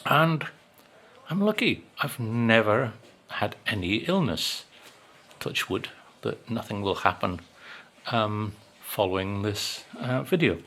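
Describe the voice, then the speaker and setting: A man's voice: lowish voice, lively intonation, takes it slowly, fairly bright tone. A man in his sixties chatting casually to camera as a vlogger, rambling and wry with lots of ums. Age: 60s.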